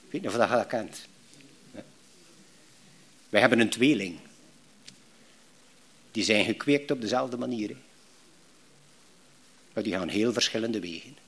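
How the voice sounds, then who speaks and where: A man's voice: fairly low pitch, a little slow, gravelly, long pauses. A middle-aged man from Belgium with a West Flemish accent, preaching a sermon with rhetorical questions and frequent restarts. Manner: animated, repetitive restarts, rhetorical questions to the congregation. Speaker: pastor.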